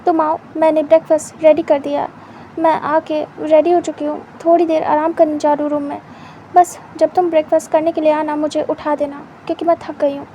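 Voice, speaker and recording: A woman voicing a tired, caring mother who speaks quietly and gently. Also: sits high, level tone, brisk, slight background noise. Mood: gentle.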